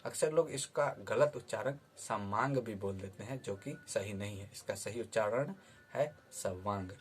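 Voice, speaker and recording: A man teaching a vocabulary lesson, patiently repeating each word slowly before explaining its meaning. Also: lowish voice. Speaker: Hindi teacher.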